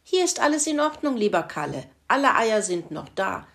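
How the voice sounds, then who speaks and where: A woman's voice: mid-range voice, big pitch swings, moderate pace, creaky, fairly bright tone, pitched above the performer's own voice. A woman voicing a fussy, easily annoyed hen in a children's story, with a clucking manner.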